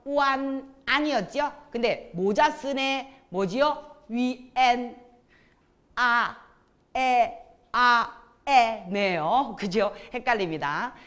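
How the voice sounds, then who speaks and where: A woman teaching a pronunciation lesson, calling out sounds and cues for students to repeat. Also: a little high. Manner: calls out drills with cues to repeat. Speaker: Chinese language teacher.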